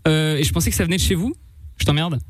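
A man's voice: on the high side, very fast, no echo. A man making a prank phone call, politely chatting while over and over slipping in the same rude phrase. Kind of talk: playful prank phone call during a game.

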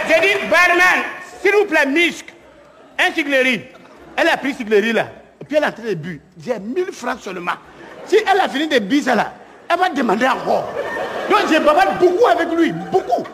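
A man's voice: very high-pitched, long reverb tail, exaggerated voice. A comedian voicing a boastful, broke man chatting up a girl in a bar, in broken French with a put-on Burkinabe accent. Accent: Burkinabe imitation. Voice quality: broken French, animated storytelling. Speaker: stand-up comedian. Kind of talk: comic monologue sketch.

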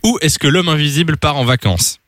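A man's voice: a little high, lively intonation, fairly quick, a bit bright, dry recording, clean studio sound. Joking male radio host. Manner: joking, laughs often, hesitant fillers. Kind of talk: morning radio banter.

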